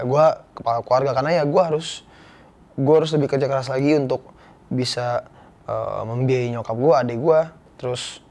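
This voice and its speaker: Young man, interview guest, candid, slangy, earnest, middle pitch. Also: a little mellow. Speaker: guest actor. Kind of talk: casual interview chat.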